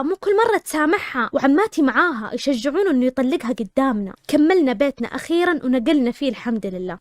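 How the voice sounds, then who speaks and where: A woman narrating a first-person story, lively and dramatic, with asides to her listeners. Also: high-pitched, dry recording, clean studio sound.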